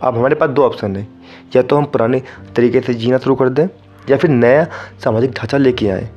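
A man's voice: medium pitch, brisk, a little mellow, dull audio, soft background music. A young man from India hosting a solo podcast, talking casually and directly to his listeners and slipping English phrases into his sentences. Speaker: podcast host.

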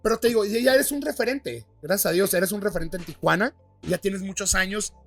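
Man, podcast host, high gravelly husky voice, slangy chat. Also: fairly quick, soft background music. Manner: slangy, admiring interviewer.

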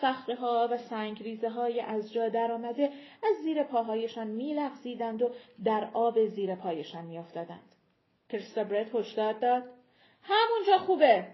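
A woman narrating an audiobook with steady storytelling. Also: on the high side. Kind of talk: scripted narration. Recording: dull lo-fi recording.

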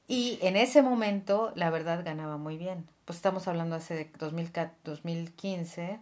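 A woman, a podcast guest telling a personal story in a lively, laughing way. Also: lowish voice, measured pace. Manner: lively, laughing, acts out voices in her story.

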